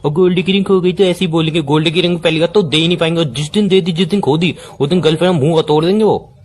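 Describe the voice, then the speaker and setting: Fast-talking angry young man scolding. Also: on the high side, breathy edge. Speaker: boyfriend in a skit. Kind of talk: scripted comedy phone-call skit.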